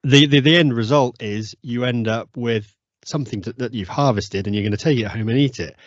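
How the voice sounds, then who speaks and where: A man hosting a podcast interview in casual chat, halting and repeating words as he goes. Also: medium pitch, no room sound, lo-fi sound. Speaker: podcast host.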